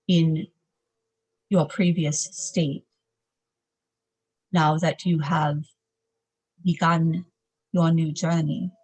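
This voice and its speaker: A woman speaking as a trance medium, in formal, solemn, measured phrases, as if a spirit guide were advising a client. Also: low-pitched, darkish tone, poor audio. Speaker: trance channeler, seance medium.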